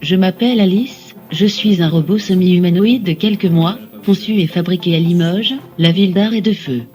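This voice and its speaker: A polite young female semi-humanoid robot, with the flat, even phrasing of a machine voice and a slightly low pitch for a woman. She announces each phrase in a measured, regular way. Music plays clearly behind her. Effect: synthetic text-to-speech robot voice. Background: clear background music.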